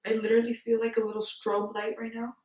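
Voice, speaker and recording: Tipsy, giggly female beauty vlogger, playful and exclamatory, higher pitch, very roomy sound. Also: monotone, fast talker, darkish tone. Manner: giggly, tipsy drunk talk. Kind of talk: casual makeup tutorial chat. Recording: echoey room, distant from mic.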